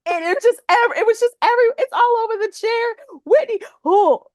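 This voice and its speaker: A woman co-hosting a podcast, telling funny stories in casual chat, animated and laughing often. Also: very high voice, brisk, dry recording, clean studio sound. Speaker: podcast co-host.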